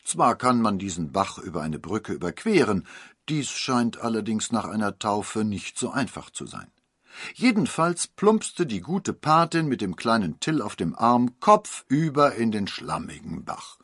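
A man narrating a children's audiobook in a playful, expressive storytelling manner. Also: on the low side, unhurried, breathy edge, no room sound, clean studio sound.

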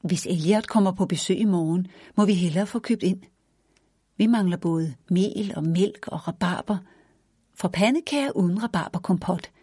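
A patient, kindly storybook mother, as a woman reading aloud gives her voice. She talks low and a little husky, calm even when she calls out over the wind. The sound is close and dry. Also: dry recording. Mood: calling out. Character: busy, kindly mother of a young girl.

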